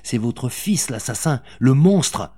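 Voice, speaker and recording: A man reading an audiobook, voicing a vengeful, hate-filled middle-aged woman with a raspy, jerky delivery. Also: medium pitch, lively intonation, slow pace, warm tone. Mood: taunting.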